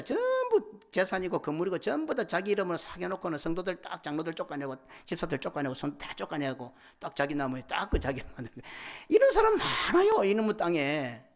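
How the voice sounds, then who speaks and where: A middle-aged man preaching a sermon as senior pastor, swinging from loud cries to hushed whispers. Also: fairly high pitch, gravelly. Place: church sanctuary.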